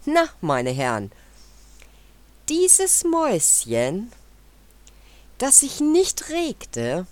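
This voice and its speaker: A woman's voice: big pitch swings, takes it slowly, hardly any pauses, a bit bright, no echo, full character voice. A woman voicing a cocky male mouse who brags to his fellow animals. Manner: cocky, squeaky boasting.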